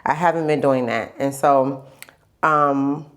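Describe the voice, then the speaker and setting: With a rumbling low voice and steady tone, a woman takes it slowly as she chats in a rambling, candid video diary. She is a vlogger sharing her health journey, stuffy while getting over a lingering cold, and she repeats phrases for emphasis.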